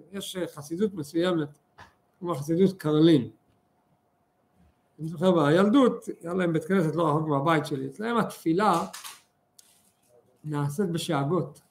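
A man's voice: on the high side, gravelly. A man teaching a religious lesson with stories, speaking fervently and stretching words for emphasis. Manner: animated, fervent, drawn-out emphasis. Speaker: Torah teacher.

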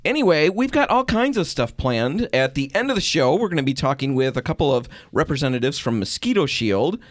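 A middle-aged man hosts a radio show in a dry studio, chatting casually. His pitch swings widely as he tells a story with animated energy. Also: fairly quick, no room sound.

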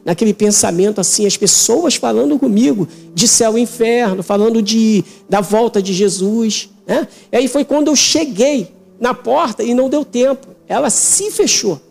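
Male interview guest, testimony of a vision; gravelly, mellow, emotional, repetitive phrasing. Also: high-pitched, moderate pace, hardly any pauses, soft background music.

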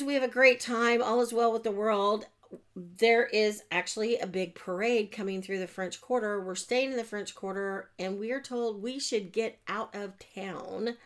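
A woman host telling a lively story in a casual monologue, acting out the people in it with whiny and squealing voices. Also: on the high side. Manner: animated, acts out dialogue with whiny and squealing voices. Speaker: podcast host.

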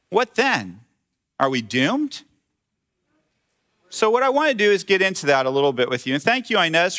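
Man, pastor, bright voice, slightly high pitch, conversational sermon, animated storytelling. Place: church sanctuary with screen.

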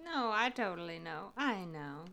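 A young woman co-hosting a podcast, chatting excitedly, swearing often and laughing. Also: lowish voice, a little slow, creaky. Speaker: podcast co-host. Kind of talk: casual chat.

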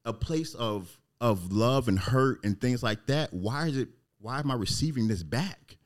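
A man's voice: medium pitch, animated, unhurried. A man talking earnestly and emotionally in a candid conversation, full of "like" and "man".

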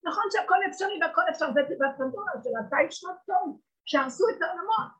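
A woman giving an impassioned religious talk, swinging from loud pleading to hushed speech. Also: extremely high pitch, expressive, low-quality recording.

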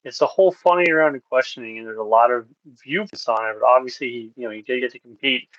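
A man's voice: medium pitch, fast, fairly bright tone, no room sound, highs cut off. A man co-hosting a podcast in casual chat, talking in a rambling way with many fillers and restarts. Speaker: podcast co-host.

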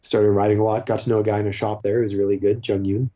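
A Canadian teacher in his forties, appearing as a podcast guest, tells casual stories in a rambling way, interrupting himself with lots of fillers and restarts. His voice is dark, mellow and on the low side, with little pitch movement, and he talks fast. The recording sounds a little muffled.

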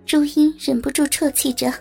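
A woman reading a story aloud as narrator, in a steady, even storytelling manner. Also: high voice, moderate pace, creaky, soft background music.

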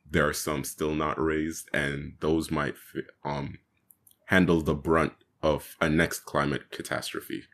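A young man from Jamaica, a guest activist, talking earnestly in an interview with pauses to think. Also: extremely low pitch, fairly bright tone. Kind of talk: casual interview talk.

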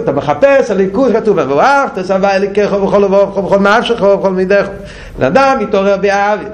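High-voiced man teaching a Torah class. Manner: questioning, repeats himself, swings between high urgent and low quiet.

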